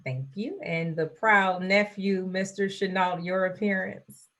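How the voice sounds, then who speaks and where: A woman's voice: mid-range voice, unhurried, fairly bright tone. A woman judge heard on a courtroom hearing recording over a video call, formally calling each party to state their appearance for the record.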